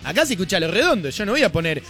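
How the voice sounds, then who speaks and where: Playful co-host, a man with a fairly high voice, faint music underneath. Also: very animated, racing, fairly bright tone. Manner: playful, riffs on scenarios, slangy. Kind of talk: casual chat.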